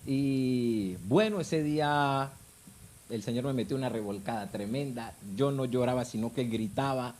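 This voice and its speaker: A man's voice: medium pitch, unhurried, darkish tone. Fervent man giving testimony. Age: adult, married with children. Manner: fervent, emotional storytelling. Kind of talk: personal faith testimony.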